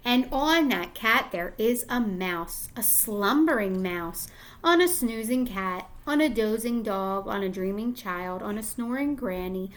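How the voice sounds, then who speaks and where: Reading a picture book to young children, a woman teacher with a mid-range voice speaks deliberately and expressively, stopping to ask them questions.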